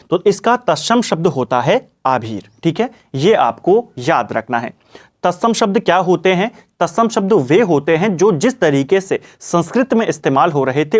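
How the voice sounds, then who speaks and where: A young man with a high voice teaches an exam-prep grammar lesson. He explains each answer step by step and keeps reminding students what to remember. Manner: explanatory, repeats "ठीक है" and "ये आपको याद रखना है".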